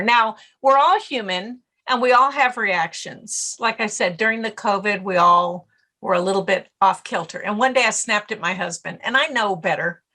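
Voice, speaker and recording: Appearing as a podcast interview guest, a middle-aged author and stress coach discusses stress, voicing her inner monologue while recounting stories. She speaks a little high, with a bright, forceful tone.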